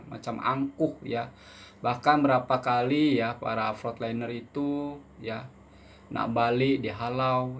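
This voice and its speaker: A young man from Indonesia hosts a relaxed question-and-answer vlog, reading viewers' messages aloud and then replying. His pitch sits in a plain middle range for a man, and his talk is loose and friendly, peppered with "ya" and borrowed Malaysian and English words. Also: slight background noise. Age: 20s. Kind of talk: casual Q&A vlog.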